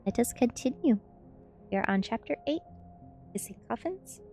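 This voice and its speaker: With music playing underneath, a woman streams herself narrating a novel like a cozy ASMR bedtime story, chatting warmly with listeners in between and occasionally tripping over words. She speaks at a moderate pace in a fairly high, animated voice that's a little mellow.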